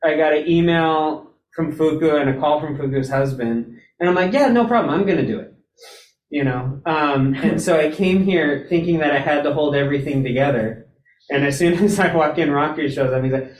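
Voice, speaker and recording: A man casually telling a story to a Zen group, chatty and amused, laughing as he talks. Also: moderate pace. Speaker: Zen practitioner sharing an anecdote. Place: Zen center meditation hall. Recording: echoey hall, distant mic, faint rumble.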